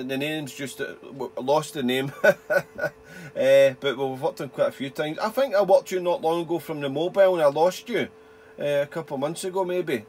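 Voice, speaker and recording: A man's voice: a little high, darkish tone, slight background noise. A man from Wales chatting casually as an amateur radio operator, repeating himself and using call signs and phonetic spelling. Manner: chatty, repeats himself, tags sentences with "there". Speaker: amateur radio operator and hobby video maker. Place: indoors at a radio desk.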